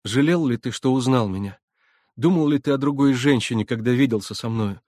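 A man reading as a weak, loving young village woman who talks softly and pleads. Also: medium pitch, brisk, dry recording, clean studio sound, voice pushed up, lightly acted. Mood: earnest.

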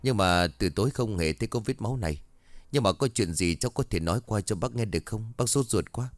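A man's voice: on the low side, animated, fairly quick, no room sound. A man voicing a frightened older father who stammers in panic. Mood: worried.

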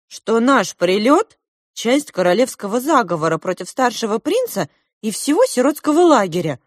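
A woman's voice: a little high, big pitch swings, normal speed, no room sound, clean studio sound. A woman voicing a worried young girl in a storybook reading. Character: anxious young girl, friend in prison.

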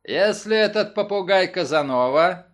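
A man voicing a blunt questioner who probes loudly. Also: high-pitched, lively intonation, normal speed. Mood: probing.

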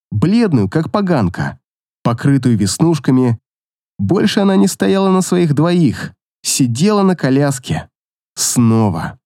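A man narrates a fantasy audiobook with dramatic expression and a lively, swinging melody. His voice is fairly high yet mellow and warm, recorded close in a dry, deadened space. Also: dry recording.

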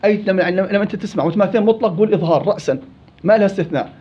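A man teaching a classroom tajweed lesson, quizzing his students with quick questions. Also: high-pitched, warm tone. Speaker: Quran recitation teacher. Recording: dull lo-fi classroom recording.

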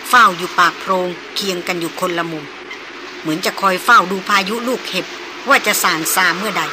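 A woman narrating a novel as an audiobook in an even, measured storytelling manner. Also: mid-range voice, background noise.

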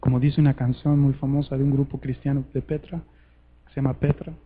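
A man preaching a sermon to a conference, urgent and fervent, swinging between loud appeals and hushed words. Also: medium pitch, level tone, a little fast, slightly rough, phone-quality sound.

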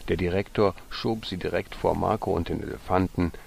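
A man reading a storybook aloud with gentle narration that sometimes drops to a soft whisper. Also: sits low, fairly quick, creaky, a little hiss or hum.

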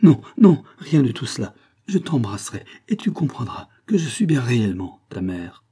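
A man's voice: mid-range voice, big pitch swings, moderate pace, mellow, husky. A man reading aloud and voicing an anguished noblewoman and mother, speaking in a raised, intense, pleading way. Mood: urgent.

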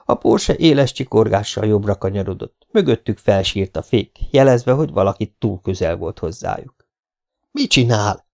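A man reading a novel aloud as an audiobook narrator, in a steady storytelling manner. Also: fairly low pitch, creaky.

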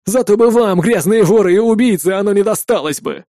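A man voicing a furious male peasant prisoner who yells and spits insults. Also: brisk, no room sound, clean studio sound. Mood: yelling. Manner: yelling, spiteful, shrill.

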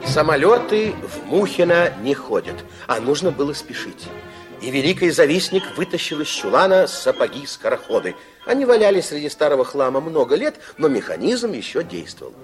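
Faint music plays behind this slightly high male voice, which moves at a normal speed. He is the expressive narrator of a Soviet children's radio play, spinning the fairy tale in a playful, confiding, theatrical manner.

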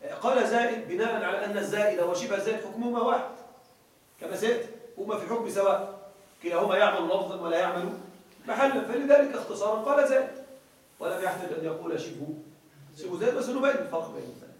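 A man's voice: sits high, expressive, very fast. A man teaching a grammar lesson in a lecture room. He reads a passage aloud, explains it, and keeps asking his listeners whether they follow. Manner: checks often that listeners follow. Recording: very echoey room, voice from far off the mic.

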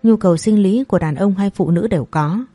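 A woman voicing a calm, thoughtful middle-aged brother-in-law who gives measured advice. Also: mid-range voice, dry recording, faint music behind, natural voice.

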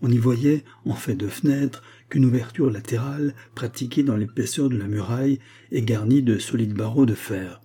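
Male audiobook narrator, mellow and husky, measured first-person storytelling. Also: medium pitch.

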